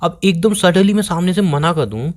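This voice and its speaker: A man's voice: high-pitched, lively intonation, moderate pace. A man playing a boyfriend on a phone call, rambling defensively and pleading to be heard. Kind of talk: scripted couple call recording.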